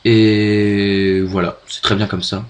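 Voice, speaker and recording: A man's voice: on the low side, flat delivery, slow pace. French man hesitantly walking through a tutorial. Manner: hesitant, many fillers and restarts. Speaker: video tutorial maker. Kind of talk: screen-recorded software tutorial.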